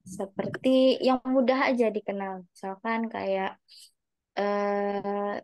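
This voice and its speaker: A woman trainer coaching public speaking in a relaxed, chatty way, acting out examples of good delivery. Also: medium pitch, no echo. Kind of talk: casual online training session.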